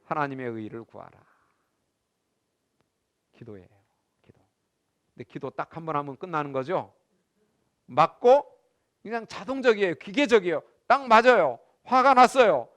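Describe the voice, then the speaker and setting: A man's voice: high-pitched, moderate pace, pauses often. A middle-aged man giving a Bible lecture to a class as a professor, acting out little scenes and putting questions to the room. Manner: animated, acts out scenes and asks the class questions.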